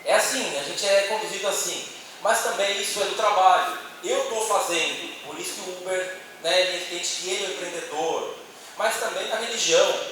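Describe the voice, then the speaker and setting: High-voiced, brisk and bright, a man with a Brazilian Portuguese accent speaks forcefully on a church panel before an audience in a meeting hall. He keeps it conversational with lots of tag questions. The hall echoes and is noisy, and he's far from his handheld microphone, sounding off-mic.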